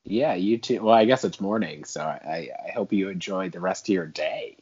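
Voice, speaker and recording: A man chatting as a podcast guest, with dry, deadpan joking. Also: deep voice, normal speed, slightly rough, dull audio. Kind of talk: casual chat.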